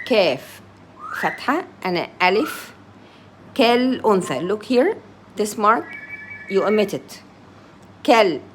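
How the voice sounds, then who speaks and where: With a lowish voice and a little background noise behind her, a woman Quran teacher leads a slow recitation lesson. Each Arabic letter and vowel mark is sounded out, followed by a simple English explanation.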